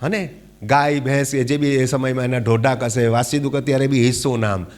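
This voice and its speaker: A male preacher delivering a fervent sermon. He keeps asking his listeners questions and calling for claps and hallelujahs, dropping to a hush and then rising loud again. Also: mid-range voice, little pitch movement, normal speed. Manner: calls for claps and hallelujahs, asks the congregation questions; dramatic swings from hushed to loud.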